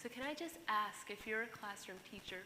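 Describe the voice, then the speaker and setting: A woman's voice: mid-range voice, a little fast. A woman from Pakistan, giving an earnest, emphatic keynote speech to a conference audience. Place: large conference hall. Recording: hall reverb, faint noise.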